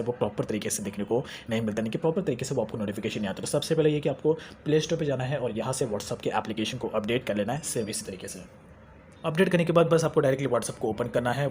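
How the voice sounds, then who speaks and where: Young male tech tutor, rapid chatty delivery, mid pitch, faint room hum. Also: a little mellow. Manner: chatty, repeats phrases, mixes English terms into Hindi. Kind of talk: screen-recorded how-to tutorial.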